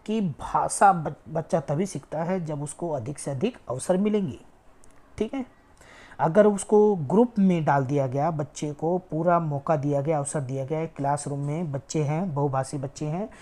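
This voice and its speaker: A woman's voice: sits low, a little mellow. A woman teaching an online exam-prep lecture, explaining step by step and repeating key words for emphasis. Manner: frequent "ठीक है" checks.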